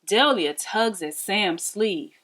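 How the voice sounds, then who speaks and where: A woman with a mid-range voice reads a children's storybook aloud, using an expressive, deliberate storytelling style.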